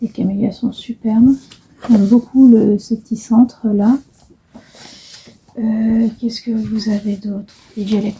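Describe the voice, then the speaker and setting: A middle-aged woman talks casually to her camera about her handwork, wandering from one thought to the next with frequent pauses and restarts. Her voice is very dark and mellow, slightly high, with a breathy edge. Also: flat delivery. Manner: rambling, hesitant, many fillers and restarts. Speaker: embroidery vlogger. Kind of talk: casual vlog chat.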